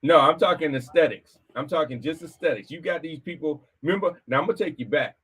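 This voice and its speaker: A man co-hosting a business talk show, chatting casually and teasing his guest with quick questions. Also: fairly high pitch, a bit bright, breathy edge.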